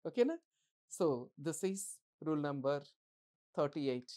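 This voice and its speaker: Low, warm and sing-song, a woman's voice guides an English grammar lesson for exam preparation. She quizzes the class and answers herself, taking the English example sentences slowly and deliberately.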